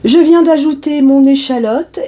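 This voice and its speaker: Chatty woman hosting a cooking video, mellow tone. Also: high-pitched, measured pace, a little hiss or hum. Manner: chatty, addresses viewers directly. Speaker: cooking channel host. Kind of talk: casual recipe narration.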